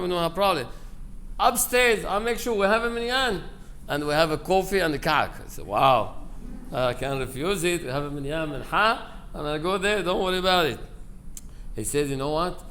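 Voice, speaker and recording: Clear background noise accompanies this live eulogy by a rabbi from Aleppo, Syria, a man with a higher, a bit bright voice. He shares personal anecdotes in an informal, conversational storytelling way, acting out quoted dialogue in broken English grammar.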